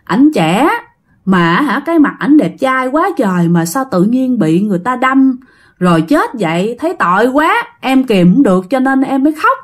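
A soft-hearted young village woman, as a female storyteller puts her on, pleading in a tearful, lively voice. The pitch sits a little high and moves a lot. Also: normal speed.

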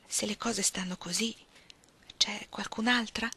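A woman reading the part of a calm, dignified young fiancée who speaks softly and in a measured way in an audiobook reading. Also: mid-range voice, lightly acted. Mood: composed. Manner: soft, composed, measured.

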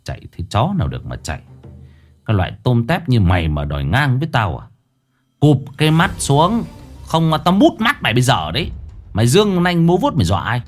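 A man voicing a stern young male exorcist, low, cold and threatening. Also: wildly swooping pitch, fast, soft background music, full character voice. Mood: contemptuous.

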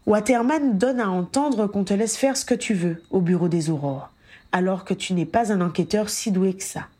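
A woman's voice: medium pitch, moderate pace, mellow, husky, natural voice. A woman reading the lines of Lee, a blunt, matter-of-fact man who works as a journalist, in an audiobook.

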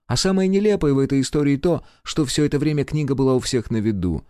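A man voicing a calm male investigator who explains things in a measured way. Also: mid-range voice, no echo, clean studio sound, voice pushed up, natural voice. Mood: explaining.

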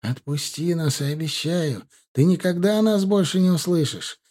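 A man voicing a frightened old villager who pleads in high, strained cries. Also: normal speed, darkish tone, lightly acted. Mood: desperate pleading.

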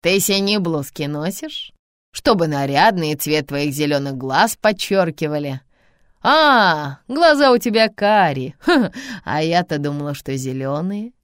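A woman's voice: low-pitched, expressive, a little slow, clean tone, no room sound. A bossy, sarcastic old grandmother, as a woman reader puts her on scolds her family in a storybook reading. The voice swings up and down with plenty of life. It sits close and dry, with no room around it. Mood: chatty.

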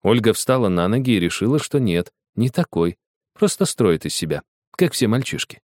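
Male storybook narrator, low and animated, dry close recording. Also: moderate pace, dry recording. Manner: expressive storyteller who acts out dialogue. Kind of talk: audiobook storytelling.

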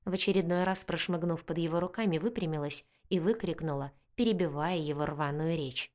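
A woman reading a first-person fantasy story aloud with expressive storytelling. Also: low voice, fairly quick. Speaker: audiobook narrator.

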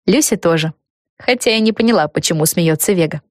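A woman narrating a children's storybook in a calm, even way. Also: on the low side, fairly quick, no room sound, studio quality. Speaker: audiobook narrator.

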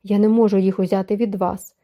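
A woman voicing a poor but proud young maid who speaks quietly and politely. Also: mid-range voice, flat delivery, a little fast, muffled recording, close to an everyday voice. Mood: earnest.

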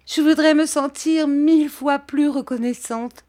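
A woman's voice: high-pitched, fairly even intonation, measured pace, mellow, pitched above the performer's own voice. A woman doing a sobbing, remorseful young woman. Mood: pleading. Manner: pleading, breaking with sobs.

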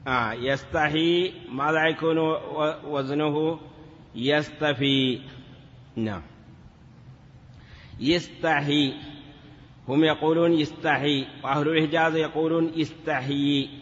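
A man's voice: a little high, fairly even intonation, moderate pace, long reverb tail, lo-fi sound. A man teaching a grammar lesson in a classroom, asking questions and answering them himself, sometimes drawing words out in a chanting lilt. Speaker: teacher of Arabic morphology. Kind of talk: classroom lecture.

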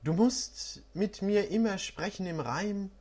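A reader voicing an oracle who speaks in rhyme in a hushed, slow chant. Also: medium pitch, lively intonation, slightly rough, full character voice. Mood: solemn.

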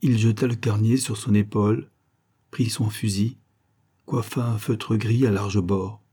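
A man narrating a novel in a measured, even reading. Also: on the low side, husky. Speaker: audiobook narrator. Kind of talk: literary audiobook narration.

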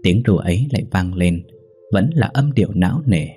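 A man narrating a ghost story in a steady, measured reading. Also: low voice, slightly rough, faint music behind.

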